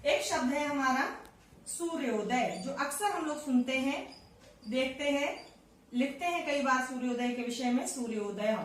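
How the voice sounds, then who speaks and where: A woman's voice: high-pitched, a bit bright. A woman teaching a grammar lesson to children, explaining step by step and asking the class question after question. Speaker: Sanskrit teacher. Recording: very echoey, distant, faint hiss.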